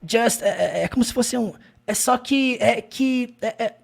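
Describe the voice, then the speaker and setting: An English teacher with a Brazilian Portuguese accent, explaining film clips and repeating phrases slowly with frequent tag questions. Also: medium pitch, gravelly.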